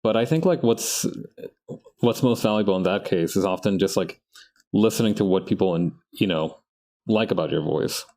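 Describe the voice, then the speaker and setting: A low-pitched man with a dark tone and normal pace streams his art while rambling casually to himself. As he draws, he keeps self-correcting and restarting his sentences.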